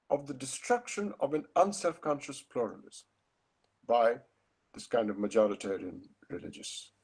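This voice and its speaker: A man's voice: fairly high pitch, slightly rough. An older man giving an academic lecture over a video call, thoughtful and emphatic, often restarting his phrases.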